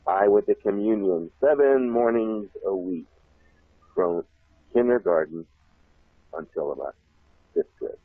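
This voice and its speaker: A man telling a long childhood story on a talk show, animated and laughing often. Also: lowish voice, unhurried, long pauses, no room sound. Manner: animated, laughs often, acts out shouted voices. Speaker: guest telling a life story. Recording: tinny phone line.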